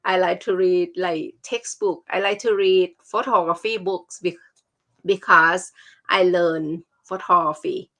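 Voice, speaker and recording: Woman, Thai accent, native Thai speaker, slow pace, lowish pitch, halting casual storytelling. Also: fairly even intonation, sharp tone. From Thailand. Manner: halting, searching for words.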